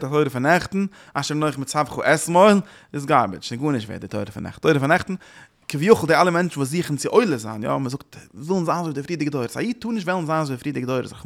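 A man giving a Torah lecture with an animated, chant-like delivery, repeating words and breaking into sudden loud bursts. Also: on the high side. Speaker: Torah teacher. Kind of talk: Yiddish-inflected Torah lecture.

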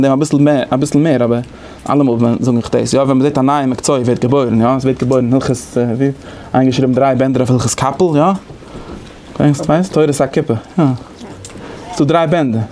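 Male lecturer, rapid conversational delivery, faint noise behind. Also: mid-range voice, mellow. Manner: explains conversationally, thinking aloud. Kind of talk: lecture on interpretation methods.

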